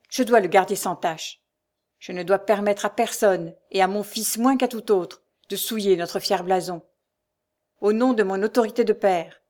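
A woman's voice: mid-range voice, darkish tone, natural voice. A woman voicing a proud old baron in a storybook, raging at his son with vehement, commanding force.

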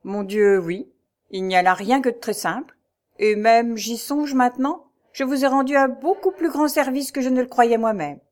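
A woman voicing a haunted middle-aged nobleman who speaks in a sombre, halting way, in an audiobook reading. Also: fairly high pitch, pitched above the performer's own voice, lightly acted. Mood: grave.

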